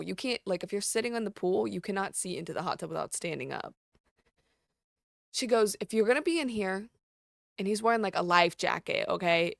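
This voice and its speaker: Gravelly-voiced woman telling blunt stories. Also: mid-range voice, dry recording, studio quality. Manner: blunt, profane, animated storytelling. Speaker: podcast host. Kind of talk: casual storytelling monologue.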